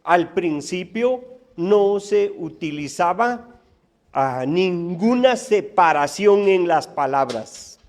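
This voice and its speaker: A male teacher lectures a room of students on mathematics. His voice sits a little high, and he speaks slowly and deliberately. He keeps putting questions to the audience and counting off numbers one by one. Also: expressive. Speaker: math teacher giving a conference talk.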